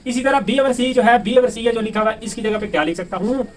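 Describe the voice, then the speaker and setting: A man's voice: very high-pitched, a little fast. A man with a Pakistani Urdu accent teaching a math lesson, who keeps asking the class questions and answering them himself. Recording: distant mic with faint room noise.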